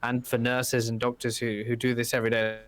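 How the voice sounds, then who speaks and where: A man's voice: medium pitch, monotone, brisk, fairly bright tone, slight background noise. A man hosting a casual chat, talking in a nervous, rambling way and often repeating himself. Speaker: podcast host.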